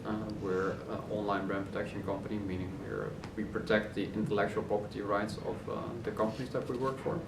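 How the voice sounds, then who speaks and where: Man, co-founder, relaxed, filler-heavy, echoey room, background hum. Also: on the low side, brisk, hardly any pauses. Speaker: company co-founder. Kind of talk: casual interview answers. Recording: roomy office, distant mic, noisy hum.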